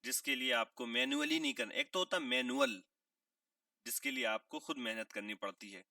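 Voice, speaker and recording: Lively, gravelly-voiced man teaching vocabulary. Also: medium pitch, dry recording, clean studio sound, recorded from a distance. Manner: asks questions and answers them himself, repeating key words; clears his throat now and then. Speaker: English teacher. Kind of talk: classroom vocabulary lesson.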